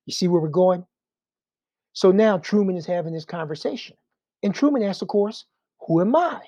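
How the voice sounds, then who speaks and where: Male Sunday school teacher, warm tone, dry close sound, conversational with rhetorical asides. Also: sits high, normal speed, no room sound. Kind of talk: adult Bible class teaching.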